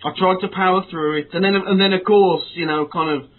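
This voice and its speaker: A man plays it glum and deadpan in a comedy sketch, and his speech keeps tripping into stammers and restarts. His voice is notably high for a man. The recording is thin and phone-like. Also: brisk. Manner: hesitant, stammering, mock-glum. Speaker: co-host. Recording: phone-like lo-fi sound.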